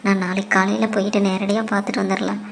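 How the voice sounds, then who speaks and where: A woman's voice: high-pitched, little pitch movement, a little fast, warm tone, slight background noise. A woman voicing a sad young wife in a cartoon who misses her mother, speaking in a plaintive, tearful way. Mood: worried. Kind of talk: cartoon voice acting.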